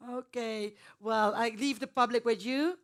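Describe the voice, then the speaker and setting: A woman hosting a poetry event, friendly and unhurried, with hesitant fillers as she speaks. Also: a little high, fairly even intonation. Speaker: event host.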